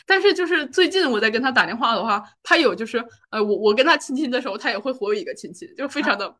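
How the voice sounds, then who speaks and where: A young woman talking fast in a bright, clear, fairly high voice. She co-hosts a casual podcast and wanders through her thoughts with lots of fillers and restarts. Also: lively intonation. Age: 20s. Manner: rambling, full of fillers and restarts. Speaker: podcast co-host. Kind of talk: casual personal chat.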